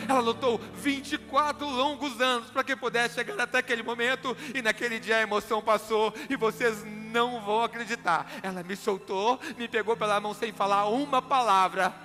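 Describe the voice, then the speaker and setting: High-voiced man telling a story. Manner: dramatic, swings from hushed to loud and fervent. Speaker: motivational speaker. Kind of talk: emotional storytelling speech. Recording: music playing behind the voice.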